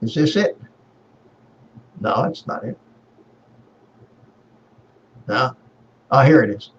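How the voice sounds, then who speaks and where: A man's voice: expressive, a little slow, dull audio, a little hiss or hum. Man sounding like he's inside a barrel. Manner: chatty and rambling, fumbling with his gear. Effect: hollow, boomy sound as if inside a barrel. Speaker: livestream show host. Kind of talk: casual chat. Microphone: webcam microphone picking him up from across the room.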